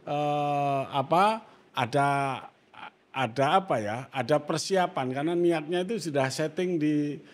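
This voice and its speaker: A man hosting a casual chat, thoughtful and hesitant, with many pauses and fillers. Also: a little high. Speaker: host.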